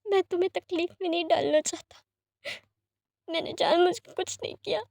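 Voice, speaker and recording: A woman voicing a gentle, sick young man who speaks softly and apologetically, in a fan-fiction story reading. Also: high voice, steady tone, moderate pace, no room sound. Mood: tearful. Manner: soft, hushed and apologetic.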